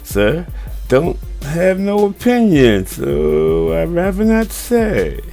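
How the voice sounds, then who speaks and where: A man putting on a high, nervous passerby. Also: wildly swooping pitch, takes it slowly, creaky, mellow, faint music behind, full character voice. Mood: evasive. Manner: hesitant, stammering. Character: nervous man on the street, evasive.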